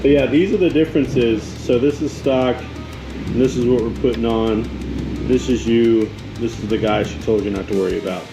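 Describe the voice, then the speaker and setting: A man's voice: medium pitch, fairly even intonation, moderate pace, gravelly, poor audio. Man, casual how-to narration, tongue-in-cheek, in a thunderstorm with rain, background music. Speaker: host of a DIY motorcycle garage video. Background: rain and thunder of a storm.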